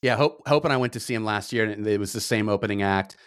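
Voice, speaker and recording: A middle-aged man co-hosting a podcast in casual chat, with relaxed, easygoing banter. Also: fairly low pitch, fast talker, clean tone, no echo, clean studio sound. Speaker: podcast co-host.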